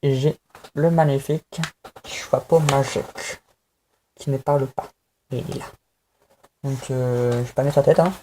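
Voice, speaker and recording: A man's voice: medium pitch, fairly even intonation, measured pace, pauses often, warm tone, a little hiss or hum. A young man chatting casually to camera at home, hesitant and self-mocking, with many fillers. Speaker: vlogger answering a fan tag. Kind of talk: casual chat.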